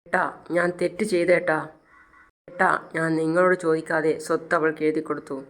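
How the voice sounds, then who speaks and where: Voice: mid-range voice, little pitch movement, a little fast, fairly bright tone, natural voice. A narrator doing a tearful pleading wife. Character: remorseful wife begging forgiveness.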